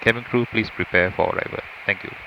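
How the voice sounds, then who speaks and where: A man's voice: fairly low pitch, fairly even intonation, quick pace. A man, an airline first officer, making a formal, slightly hesitant announcement from the cockpit over the PA. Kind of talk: semi-scripted cockpit announcement. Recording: muffled cockpit PA, loud aircraft noise.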